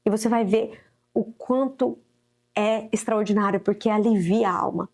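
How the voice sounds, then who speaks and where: A woman's voice: medium pitch, fairly even intonation, moderate pace, darkish tone. A Brazilian woman psychotherapist giving earnest, coaching advice to mothers straight to camera. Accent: Brazilian Portuguese. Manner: earnest, coaching, acts out quoted parents and children. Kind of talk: direct-to-camera advice talk.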